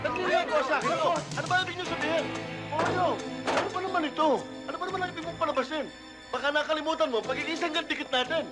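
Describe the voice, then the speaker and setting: Cowering crook, very high, quick pleading, crowd and music loud behind. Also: male voice, steady tone. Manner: pleading, panicky shouting. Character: frightened male small-time crook begging for mercy.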